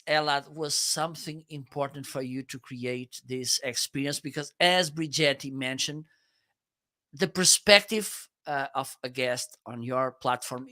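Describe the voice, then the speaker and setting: A man's voice: on the high side, sharp tone. A man hosting a live-stream interview, enthusiastic and laughing often, asking long rambling questions. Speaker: show host.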